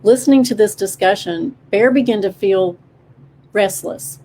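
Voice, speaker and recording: A woman narrating a storybook about forest animals with a gentle, expressive reading. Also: mid-range voice, a little slow, a little hiss or hum.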